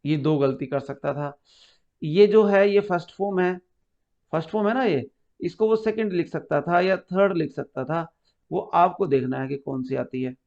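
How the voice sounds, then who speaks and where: A man's voice: a little high, moderate pace, vocal fry, darkish tone. A man teaching an English grammar lesson to a class, explaining step by step and quizzing his students. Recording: muffled lo-fi recording.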